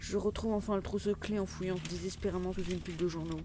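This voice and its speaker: Male narrator, high voice, tense and urgent, loud score under him. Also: steady tone, fast talker, over music. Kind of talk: first-person audio drama narration.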